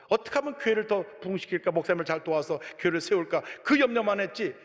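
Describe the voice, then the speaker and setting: A male pastor preaching a sermon, telling a story animatedly, jumping between loud outbursts and hushed asides. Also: high-pitched, big-room sound.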